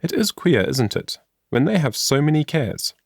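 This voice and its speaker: A man voices a cheerful, hardworking young woman in a storybook as she explains her homemade invention, chatty, earnest, and musing. He uses an exaggerated, sing-song, fairly high pitch above his own natural voice, slightly creaky, at moderate pace, in a dry, clean studio recording.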